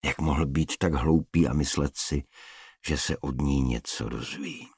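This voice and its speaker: Very deep husky male narrator. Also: no echo, studio quality. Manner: measured dramatic reading. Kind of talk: audiobook narration.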